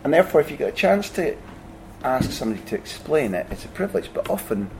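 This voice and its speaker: A man's voice: fairly high pitch, sing-song, fast, gravelly, a little mellow, slight background noise, poor audio. A man hosting a conversational interview, putting long, winding, reflective questions to his guest. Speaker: interviewer, podcast host.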